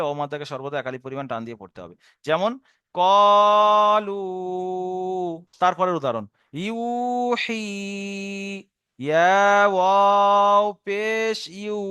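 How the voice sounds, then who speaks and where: High clear-voiced man teaching Quran reading. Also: no room sound, studio quality. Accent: Bengali. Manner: slow drawn-out recitation of syllables, then quick explanations. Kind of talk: spelling out Arabic letters in a recorded lesson.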